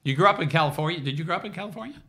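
A man's voice: fairly high pitch, animated, racing, sharp tone. A man co-hosting a podcast, asking casual and friendly questions.

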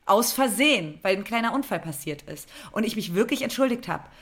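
A woman's voice: mid-range voice, fairly quick. A woman with a German accent, co-hosting a podcast, telling a story in casual chat and acting out what people said. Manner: animated anecdote telling with quoted voices. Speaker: podcast co-host.

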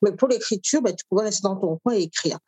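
A woman's voice: medium pitch, warm tone, husky, no room sound. Thoughtful middle-aged woman from Cameroon. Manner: thoughtful, with frequent pauses and fillers. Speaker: author and cook, interview guest. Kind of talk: conversational interview.

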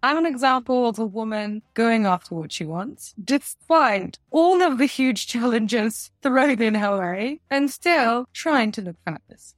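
A woman in her forties, from Russia, answering interview questions in a confident, measured way with light laughs. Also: on the high side, animated, dry recording, soft background music. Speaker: guest, tech company founder.

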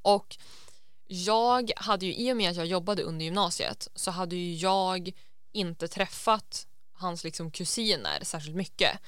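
A young adult woman co-hosting a podcast, chatting in a relaxed way and slipping English phrases into her story. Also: on the low side, smooth, no room sound, clean studio sound. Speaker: podcast co-host. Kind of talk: casual storytelling chat.

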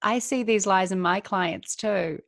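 A woman's voice: medium pitch, a little slow, vocal fry, dry recording, studio quality. A woman hosting a conversational interview, putting questions and remarks to her guest. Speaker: interview host, coach.

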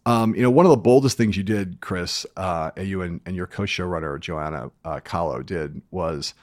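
A man hosting a podcast interview, talking conversationally in a halting but emphatic way, thinking aloud. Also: sits low, no echo. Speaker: podcast host.

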